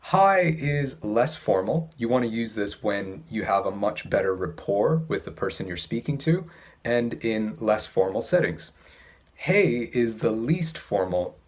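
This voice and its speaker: Precise, carefully enunciating man with slightly husky voice. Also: fairly low pitch, darkish tone. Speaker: English etiquette teacher. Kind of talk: instructional talk to camera.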